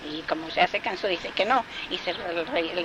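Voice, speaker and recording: A woman's voice: fairly low pitch, normal speed. Brief: older woman, oral folk storyteller, rambling and repetitive; noisy field tape. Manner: rambling, repetitive, with frequent fillers. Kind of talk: oral folktale telling.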